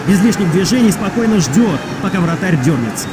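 A man's voice: sits high, big pitch swings, fairly quick. A man giving analytical colour commentary in a hockey video game. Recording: loud arena noise behind voice.

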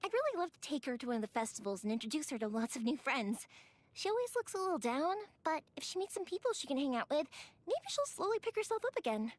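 This high-voiced video game heroine, a lively young fireworks maker, chats quickly and expressively, her pitch leaping about as she recounts stories warmly and earnestly to a friend. The recording has no room sound.

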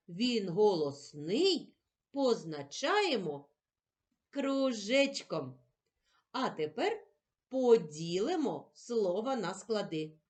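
A woman teaching a children's reading lesson, drawing out sounds and syllables in a clear, sing-song way. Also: medium pitch. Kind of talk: slow, clearly articulated literacy lesson for children.

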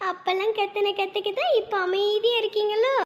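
A woman's voice: very high voice, fairly even intonation, fairly quick. An actress playing a young wife who playfully coaxes her husband to keep talking. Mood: coaxing. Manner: playful, coaxing.

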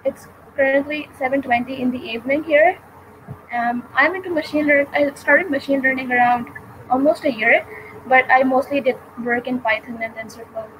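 Woman from pakistan, higher voice, steady, noisy background. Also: moderate pace. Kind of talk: casual video call introduction.

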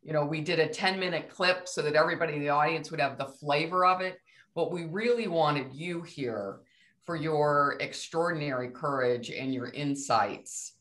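A woman's voice: sits low, moderate pace, fairly bright tone. Woman, panel moderator; introduces guests, restarts her sentences.

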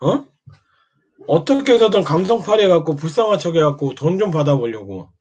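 Needling high-voiced man, scolding. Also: big pitch swings, a little fast, a little mellow. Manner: needling, keeps prodding with "eh?"; scolding, mocking. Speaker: streamer. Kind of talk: taunting monologue at another streamer. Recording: dull lo-fi sound.

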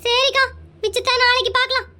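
A performer voicing a bossy middle-aged village aunt in a comic cartoon, talking loudly and scolding. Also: extremely high pitch, little pitch movement, fast talker, pitched above the performer's own voice, full character voice. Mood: loud indignant. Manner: loud, scolding, boastful.

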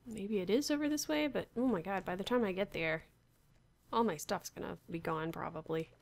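A woman at middle pitch with a gravelly edge to her voice mutters her way through a casual game session. She sounds unsure and wry, half talking to herself as she plays. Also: fairly quick. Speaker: Minecraft player. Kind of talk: casual gameplay commentary.

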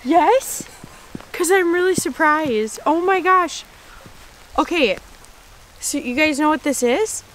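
A woman in her thirties chatting casually on a homestead vlog, outdoors in the garden, easily excited and quick to laugh. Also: high-pitched. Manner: excitable, gasping and laughing at surprises. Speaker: homesteading vlogger. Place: outdoors in a rainy farm garden. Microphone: handheld camera mic.

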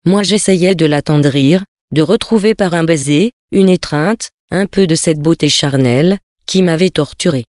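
A reader narrating a novel in the first person, with a measured, even delivery. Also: medium pitch, no echo, studio quality. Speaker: reader of a story.

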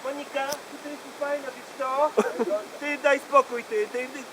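A man's voice: extremely high pitch, level tone, measured pace, crowd noise, low-quality recording. A man playing a gossipy, crude woman on the phone in a live comic monologue, rambling with fillers and punning jokes. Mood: gossiping. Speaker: comedian. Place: bachelor party.

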